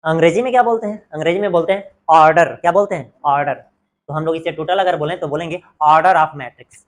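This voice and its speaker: A man's voice: on the high side, a little fast. Man teaching math, quizzing himself. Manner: asks questions and answers them himself, repeating key words. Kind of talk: exam-prep math lesson.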